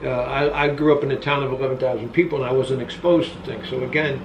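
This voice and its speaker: A man's voice: medium pitch, fairly even intonation, a little hiss or hum. Man in his sixties, distant in an echoey room. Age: 60s. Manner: earnest, halting, with frequent restarts. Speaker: father answering questions. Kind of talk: casual sit-down Q&A.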